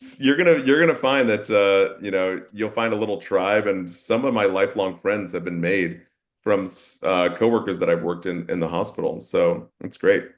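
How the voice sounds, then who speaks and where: A man who is a nurse educator, chatting casually in a webinar and speaking in a relaxed way with many fillers. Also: low-pitched, normal speed.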